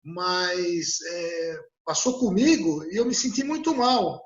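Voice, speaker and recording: A man's voice: high voice, slow pace, muffled recording. A man hosting an interview, chatting casually and hesitantly, with frequent restarts. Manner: hesitant, many restarts and fillers. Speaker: interview host.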